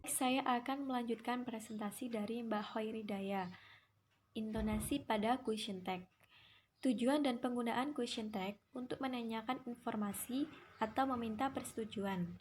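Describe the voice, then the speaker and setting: A woman's voice: fairly high pitch, a little mellow, slight background noise. A woman continuing a class presentation, reading her text evenly. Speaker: student presenter.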